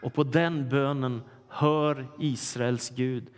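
A man's voice: mid-range voice, fairly even intonation. A man preacher retelling a Bible story in a sermon, with vivid storytelling and long hall reverb.

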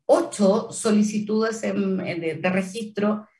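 A woman's voice: medium pitch, steady tone, slow pace, dark tone, recorded from a distance. Chilean woman explaining, slightly off-mic. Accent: Chilean Spanish. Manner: careful, many fillers and restarts. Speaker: trademark office official. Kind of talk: explanatory interview answers.

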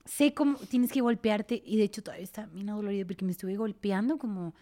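A woman with a Mexican accent telling a personal story in a casual chat, sinking to a breathy near-whisper in tense parts and acting out others' voices. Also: quick pace. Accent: Mexican Spanish. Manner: animated, acts out quoted voices louder and higher.

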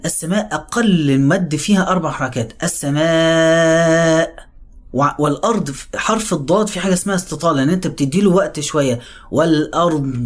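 A man with an Egyptian accent explaining how to read the Quran, talking quickly and then slowly drawing out the example words. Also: fairly high pitch. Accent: Egyptian Arabic. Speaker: religious teacher. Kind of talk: explanatory talk on Quran recitation.

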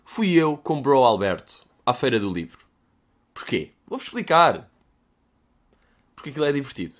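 This is a young man with a European Portuguese accent who hosts a podcast and talks straight to his listeners. His voice sits at an ordinary middle pitch but moves up and down a lot. He rambles in a relaxed way, making fun of himself and slipping into mock-dramatic asides. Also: normal speed. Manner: jokey, self-mocking, with mock-dramatic asides. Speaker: podcast host. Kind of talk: casual solo chat answering listener questions.

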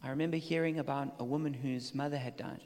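A man preaching a sermon in short phrases that wait for an interpreter, acting out quoted replies with lively voices. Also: medium pitch, fast. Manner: animated, acts out quoted replies. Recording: long hall reverb.

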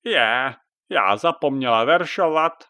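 Guy doing a croaky witch lady, bossy and snappy, high-pitched, storybook vibe. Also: wildly swooping pitch, fairly bright tone, dry recording, clean studio sound. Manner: bossy, scolding. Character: cranky female witch on a broomstick.

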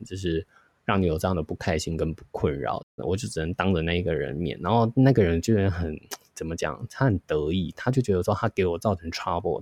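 A man with a Taiwanese Mandarin accent tells a workplace story in his low voice at a quick clip. He slips into the voices of the people he quotes as he goes. The sound is dry and close, with no room echo. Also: breathy edge. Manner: animated storytelling, acts out quoted dialogue. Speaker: podcast host. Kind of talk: storytelling chat.

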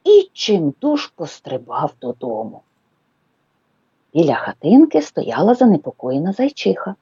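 A woman reading a children's story aloud as a radio guest, an expressive storyteller. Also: fairly low pitch, a little slow, slightly rough, no echo, lo-fi sound. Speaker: children's book reader, guest.

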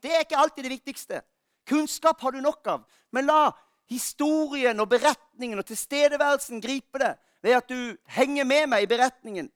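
A male pastor giving an Easter sermon, telling funny stories about himself with lively warmth. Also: very high voice, no echo, clean studio sound. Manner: lively storytelling, self-mocking humor.

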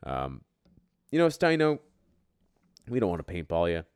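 Animated low-voiced man doing a top ten countdown. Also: a little slow, clean tone, dry recording, studio quality. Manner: profane, bro-style trash talk. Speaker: fantasy football league show host. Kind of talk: informal top ten countdown of power rankings.

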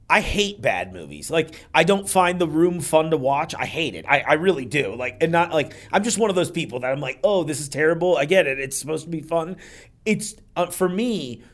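Animated, lively male radio co-host. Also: fairly high pitch. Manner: animated, laughs often, acts out quotes. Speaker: radio movie show co-host. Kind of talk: casual chat.

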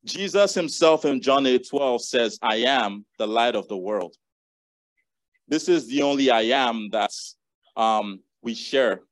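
A man's voice: mid-range voice, expressive, slow, no echo. A man preaching a sermon, earnestly reading and repeating scripture verses to the congregation.

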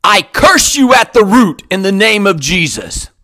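A man declaring a healing prayer in a commanding, forceful way, with repeated shouted declarations. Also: sits high, big pitch swings, a little slow.

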